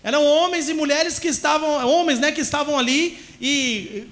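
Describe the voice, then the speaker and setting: A man preaching a sermon in a church, leading the congregation in call-and-response and shouting at the peaks. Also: extremely high pitch, normal speed. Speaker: pastor.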